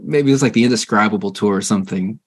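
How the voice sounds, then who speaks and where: A man's voice: on the low side, quick pace, slightly rough. A man hosting a podcast who chats in a friendly, loose way, full of casual fillers as he brings in his guest. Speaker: podcast host. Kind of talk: casual interview.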